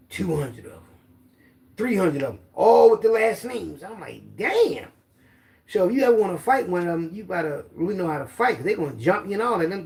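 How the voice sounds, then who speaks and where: Middle-aged philly guy, gravelly voice a bit high, rambling street stories full of slang. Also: darkish tone. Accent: Philadelphia. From Philadelphia. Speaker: storyteller guest. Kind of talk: casual storytelling.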